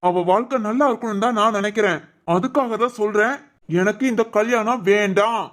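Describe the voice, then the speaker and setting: A woman's voice: medium pitch, brisk, close to an everyday voice. A woman voicing a young man in a cartoon family story, firm and pleading, with a southern Tamil Nadu accent. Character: young man, earnest, firm groom refusing to marry. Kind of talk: cartoon voice acting.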